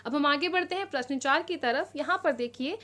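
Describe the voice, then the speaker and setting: A woman teacher calmly working through a worksheet lesson for young children, explaining each step patiently and checking in often. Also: high voice, brisk. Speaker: primary school teacher.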